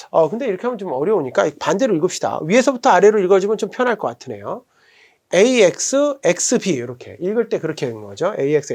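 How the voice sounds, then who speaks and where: A middle-aged man, head of a tutoring academy, giving a whiteboard math lesson and patiently repeating each term slowly. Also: high-pitched. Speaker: academy director teaching math.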